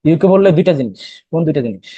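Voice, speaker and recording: A man's voice: a little high, very animated, very fast, mellow, dry recording, lo-fi sound. A young man with a Bangladeshi accent teaching an English class for admission tests, explaining in Bengali with English terms and quizzing students. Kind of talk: classroom lecture.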